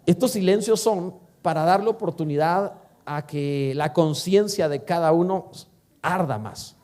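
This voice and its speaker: A male pastor preaching a sermon, swinging from emphatic rises to hushed, low-spoken drops. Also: measured pace.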